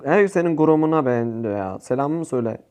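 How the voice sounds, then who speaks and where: A young man giving casual gameplay commentary, excitable and swearing at his teammates. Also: mid-range voice, moderate pace, clean tone. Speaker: gaming youtuber.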